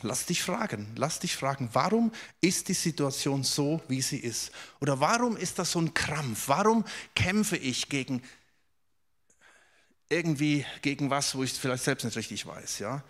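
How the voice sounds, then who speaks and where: A man preaching a sermon, earnest and direct, repeating words for emphasis and dropping to a soft voice for quoted questions. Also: a little high, lively intonation, measured pace.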